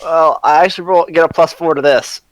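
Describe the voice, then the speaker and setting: A man talks casually as a tabletop game player. His pitch is a bit above average and the recording is close and dry. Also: steady tone, fairly quick, no room sound, poor audio.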